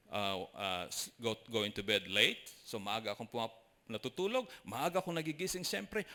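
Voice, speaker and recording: A middle-aged Filipino-accented lay preacher delivers a sermon, weaving personal stories into his preaching and putting questions to the congregation. His voice is medium-pitched with a sharp tone.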